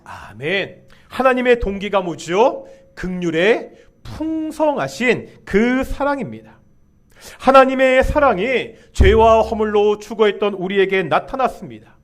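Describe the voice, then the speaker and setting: A male pastor delivering a Sunday sermon in a church. His voice sits high for a man, and he calls on the congregation to answer and repeat after him. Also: animated, measured pace. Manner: leads the congregation in call-and-response. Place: church sanctuary.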